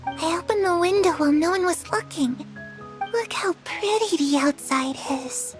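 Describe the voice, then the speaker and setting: A woman voicing a fragile, wistful young girl with a haunted, bitter streak in a video game, speaking dreamily. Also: high-pitched. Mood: wistful, resigned.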